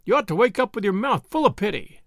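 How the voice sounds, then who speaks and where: A man's voice: sits high, sing-song, gravelly, no echo, studio quality, pitched above the performer's own voice, heavily acted. A man voicing a teasing, exuberant male friend in an audiobook, needling in a mock-grandiose way. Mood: exuberant ranting. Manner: mock-grandiose, needling, rapid-fire exclamations. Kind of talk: audiobook character dialogue.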